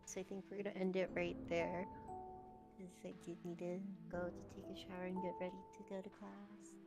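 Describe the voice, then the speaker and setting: A woman running a tabletop game as game master, relaxed and teasing her players. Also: lowish voice, a little fast. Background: background music.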